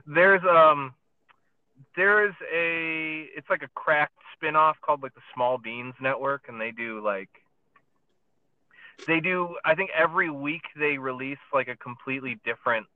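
A man's voice: on the high side, a little slow, no echo. Man rambling on a tinny phone line. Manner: rambling, many fillers and restarts. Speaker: podcast co-host. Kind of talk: casual chat. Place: parked car in a driveway. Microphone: phone over a podcast app.

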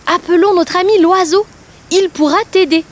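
A woman voicing a gentle, caring giraffe in a soothing, concerned manner for a children's storybook. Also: very high-pitched, steady tone, moderate pace, pitched above the performer's own voice.

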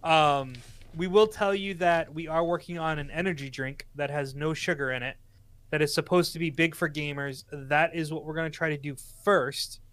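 A man's voice: a little high, fairly even intonation, normal speed, fairly bright tone. A man with a Boston accent co-hosting a casual podcast, rambling through announcements and correcting himself as he goes. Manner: rambling, promotional, self-correcting. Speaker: podcast co-host.

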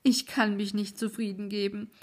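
A woman voicing an upset old wife who complains loudly and agitatedly in a fairy-tale reading. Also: mid-range voice, level tone, moderate pace, close to an everyday voice. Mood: distraught, indignant. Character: distraught, indignant old woman, fussy wife.

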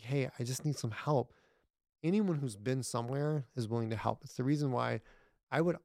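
A man's voice: mid-range voice, vocal fry, darkish tone, dry recording, studio quality. A man talking as a podcast guest in casual interview chat, rambling with many restarts, blunt and sometimes profane.

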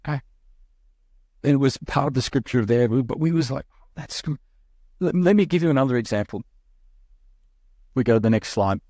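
A young male pastor delivers a sermon with energy, talking fast and acting out quotes as he goes. His voice sits in a middle range. The sound is dry and close. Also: medium pitch, no room sound. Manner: animated, quick preaching with restarts and acted-out quotes.

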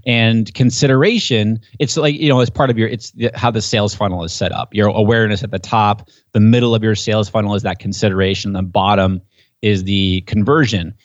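A man's voice: fairly low pitch, steady tone, fairly quick, dry recording. A man, a guest on a podcast, explaining his subject in an enthusiastic, conversational way that gets pumped up as he goes. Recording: dull, dry podcast audio.

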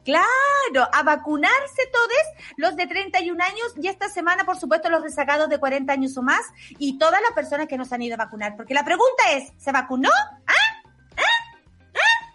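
A woman voicing a fussy older spinster civil servant with a shrill Chilean voice, prim and indignant, on radio comedy. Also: very animated, fairly quick, bright, forceful tone, heavily acted. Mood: reporting. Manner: prim, indignant, asks "¿ah?" a lot.

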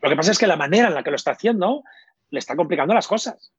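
A man's voice: sits high, expressive, very fast, husky, no room sound. A man, a coach who explains his methods thoughtfully in an interview and often hesitates mid-sentence. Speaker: coach and trainer. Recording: dull, lo-fi, dry.

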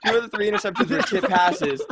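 A man's voice: sits high, lively intonation, fast, noisy background. A young man co-hosting a sports podcast, ranting in an exasperated, sarcastic way. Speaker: podcast co-host. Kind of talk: casual sports podcast chat.

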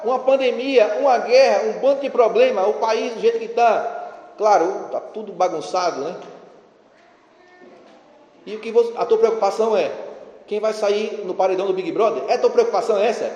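A man's voice: high-pitched, moderate pace, a little mellow, highs cut off. A priest giving a sermon in a conversational, ironic way, urging his congregation. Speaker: parish priest. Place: church. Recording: echoey church with long reverb.

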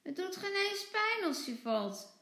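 A woman's voice: very high voice, sing-song, a little slow, bright, forceful tone, roomy sound, pitched above the performer's own voice, heavily acted. A woman doing a proud bold little girl. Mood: eager.

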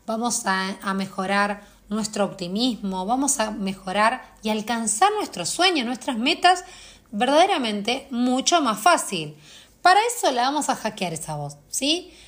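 A woman, hosting and guiding listeners through a self-help exercise, speaking straight to them and asking many questions. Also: a little high. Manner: coaching, asks many questions directly of the listener. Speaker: host.

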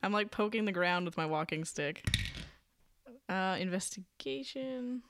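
A woman's voice: medium pitch, animated, measured pace, noisy background. A woman playing in a tabletop game, describing her moves in a matter-of-fact way. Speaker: player. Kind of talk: casual tabletop play.

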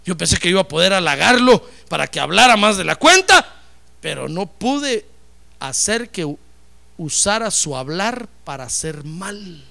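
A man voicing a sly, scheming male devil who hoped to flatter his rival into saying too much, musing to himself. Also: high-pitched, moderate pace, vocal fry, heavily acted.

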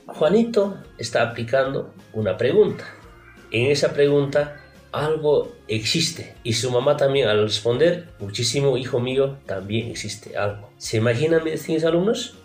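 A male teacher speaks in a formal, patient classroom manner and keeps addressing his pupils directly. His pitch rises and falls animatedly as he poses rhetorical questions. The recording has a noticeable roomy echo with faint music underneath. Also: animated, moderate pace.

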